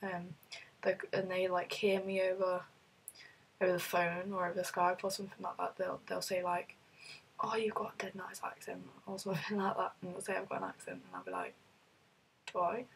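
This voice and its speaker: Working through a question list in a relaxed, rambling way full of fillers, this woman from the United Kingdom is sick and sounds rough. The vlogger's voice is fairly low, creaky and at a normal pace, captured in a low-quality recording with faint hiss or hum.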